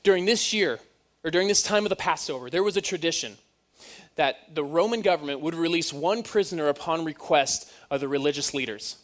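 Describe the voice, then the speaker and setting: A man preaching a sermon, telling the story in an animated way with joking asides. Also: fairly high pitch, brisk.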